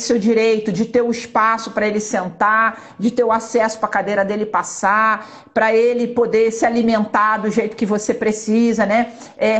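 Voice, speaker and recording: A woman hosting an interview, chatting, sharing her own anecdote and asking long rambling questions. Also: a little high. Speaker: interview host. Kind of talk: casual conversational interview.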